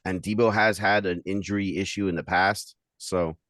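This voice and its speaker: A man with a New York accent talking football on a podcast, animated and often laughing, repeating himself as he goes. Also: sits low, moderate pace, no echo, studio quality. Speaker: podcast co-host. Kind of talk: casual sports chat.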